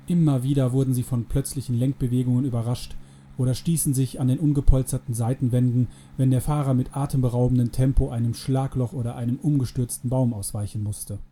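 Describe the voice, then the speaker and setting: A man narrating an adventure story in a calm, measured audiobook reading. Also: mid-range voice, a little hiss or hum.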